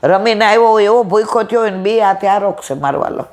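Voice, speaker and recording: A woman's voice: mid-range voice, expressive, quick pace, a little mellow, a little hiss or hum. A woman giving a devotional satsang talk, retelling a conversation and fondly calling listeners "my dear". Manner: affectionate, storytelling, addresses listeners as "my dear". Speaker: satsang speaker.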